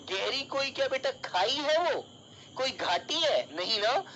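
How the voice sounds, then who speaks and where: A man's voice: extremely high pitch, sing-song, measured pace, pushed and bright, lo-fi sound, a little hiss or hum. A male teacher giving an online exam-prep lesson, calling his students child and dear and explaining with everyday examples.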